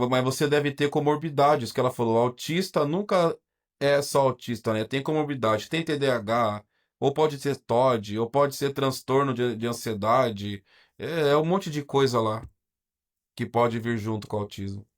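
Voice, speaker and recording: A Brazilian man with a Brazilian Portuguese accent, a guest in an interview, telling his own story in a candid, reflective way, hesitating and restarting often. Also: mid-range voice. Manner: halting, hesitant, frequent restarts and pauses. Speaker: podcast guest, teacher.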